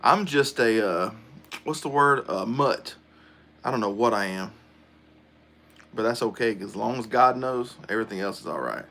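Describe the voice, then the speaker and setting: A middle-aged man hosts a relaxed livestream chat. He talks in a casual, rambling way and answers viewer comments aloud as they come in. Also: on the low side, normal speed, long pauses. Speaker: livestream host.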